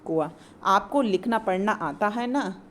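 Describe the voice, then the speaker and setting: A woman's voice: mid-range voice, unhurried, slight background noise, close to an everyday voice. A woman reading as a clever crow. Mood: planning. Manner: read aloud plainly from the play. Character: clever helpful crow in a children's play.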